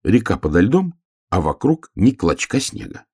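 A man reading a children's story aloud in an unhurried, softly expressive way. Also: on the low side, husky. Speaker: narrator. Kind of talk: scripted storybook narration.

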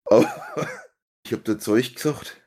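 A man's voice: lowish voice, unhurried, warm tone. A young man telling rambling, laughing anecdotes in a casual stream chat. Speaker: stream host telling a story.

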